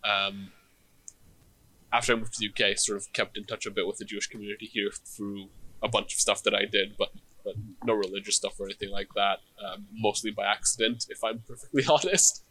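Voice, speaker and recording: A young man from Israel talks in a casual discussion, careful and hesitant, filling pauses with ums. His voice is low but bright and sharp-edged. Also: steady tone. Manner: measured, hesitant, many fillers.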